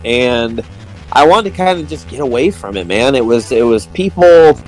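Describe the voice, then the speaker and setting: A man's voice: mid-range voice, animated, moderate pace, soft background music, poor audio. A man as a guest in a casual interview, friendly, laughing easily and often saying "man". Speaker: guest YouTuber.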